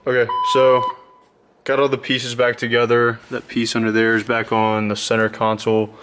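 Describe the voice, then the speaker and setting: Working inside a vehicle in his garage, a man who hosts a car build channel chats easily through a how-to vlog about what he's doing. The recording is very noisy, and his medium-pitched voice moves at a moderate pace with a completely flat delivery.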